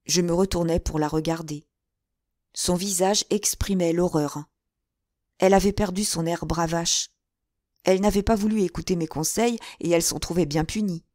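Female audiobook reader; low-pitched, measured, steady narration, close and dry. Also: no echo. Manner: measured, even storytelling.

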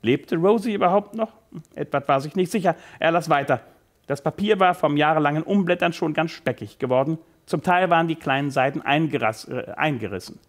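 A man reading from his own book aloud, lively storytelling with the occasional slip. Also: a little high, fairly quick. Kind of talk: live literary reading.

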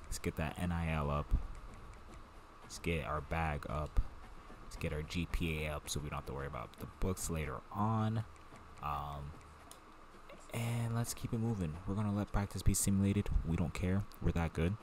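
A man's voice: deep voice, normal speed, background noise. A young man giving laid-back, slangy commentary while playing a football video game. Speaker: gaming channel host. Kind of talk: casual gameplay commentary.

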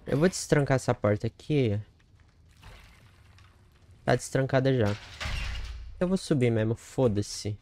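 A man streaming a horror game, commenting as he plays, muttering one moment and shouting shrilly the next, swearing often. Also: lively intonation, a little slow, long pauses, a little hiss or hum. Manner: profane, swings from muttering to shrill yelling. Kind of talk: live gameplay commentary.

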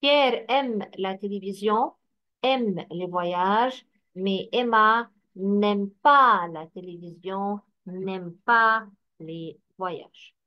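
A woman's voice: medium pitch, dull audio. A woman teaching a French lesson online, explaining exercises and dialogues. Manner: explaining, dictating slowly at times.

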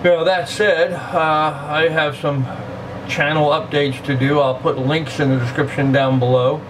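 A man in his sixties with a grandfatherly, unhurried way of talking, speaking casually and reading poetry to camera in a small room. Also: a little high, steady tone. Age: 60s. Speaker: host of a reading channel. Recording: distant mic, clear air-conditioning hum.

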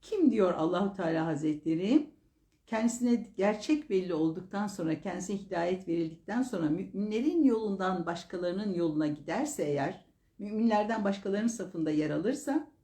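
A woman preacher giving a sermon that explains Quran verses, chanting the Arabic lines slowly and then explaining them calmly. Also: medium pitch, echoey room. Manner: addresses listeners as dear brothers and sisters.

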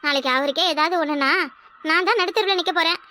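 A fretful, complaining cartoon village wife, voiced by a woman. Her voice is extremely high and fast, with a southern Tamil Kanyakumari accent. She laments and grumbles as she talks. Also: sharp tone, slight background noise. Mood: lamenting. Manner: complaining, lamenting, exclaims to herself. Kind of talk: cartoon voice acting.

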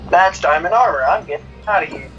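A man's voice: on the high side, lively intonation, fast, sharp tone, muffled recording, soft background music. A man joining a gaming session as a guest, chatting casually in a joking, playful way. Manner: joking, playful, silly interjections. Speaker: guest player. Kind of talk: casual gameplay chat.

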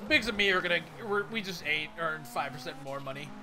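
A man's voice: on the high side, animated, fairly quick. A man bantering casually on a game stream, blunt and sweary, directing his teammates. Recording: noisy game sound behind.

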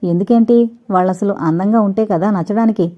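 A woman's voice: mid-range voice, a little fast, dull audio, natural voice. A woman voicing a playful, scheming young man who teases and boasts, in an audiobook reading. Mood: teasing.

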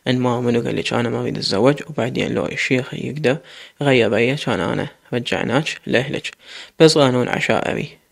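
A man's voice: medium pitch, fast, vocal fry. A man with an Iraqi accent voicing a stern young man who questions and teases in a blunt, demanding way. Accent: Iraqi Arabic.

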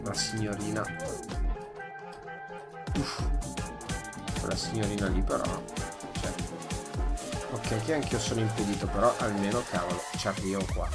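A man giving playful gameplay commentary, excitable and jokey, yelping and groaning at setbacks. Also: fairly low pitch, moderate pace, pauses often, over loud music. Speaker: gaming YouTuber.

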